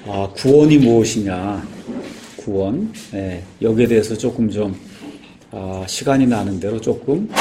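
A man giving an informal sermon, explaining patiently with frequent pauses and filler words. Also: on the low side, dark tone, slight background noise. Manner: halting, many "ye" fillers, explanatory. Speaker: guest speaker.

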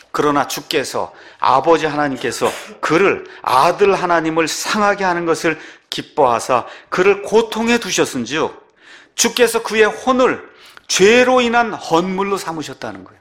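A male pastor delivering a sermon in a fairly high voice that swings widely in pitch. He slows down to read scripture and keeps putting rhetorical questions to the congregation. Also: a bit bright. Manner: reads scripture slowly, rises and drops sharply in pitch.

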